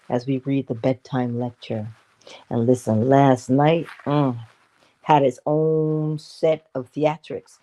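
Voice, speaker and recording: A woman from Barbados hosts a casual morning livestream with a warm tone. She's chatty and playful, laughing often and breaking into sudden high exclamations.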